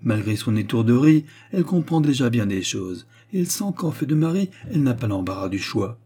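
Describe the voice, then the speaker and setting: A man's voice: medium pitch, sing-song, a little fast, mellow, husky. A male audiobook reader voicing a scheming middle-aged mother with an insinuating, insistent manner. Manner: insinuating, then stern. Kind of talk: audiobook character reading.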